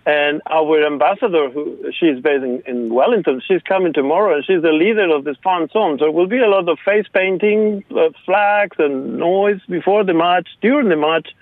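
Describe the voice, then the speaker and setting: A man's voice: fairly high pitch, normal speed, few pauses, no echo. Argentine man on a phone line. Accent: Argentine Spanish. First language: Spanish. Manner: hesitant, many fillers and restarts. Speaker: guest, local rugby supporter. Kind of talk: radio interview.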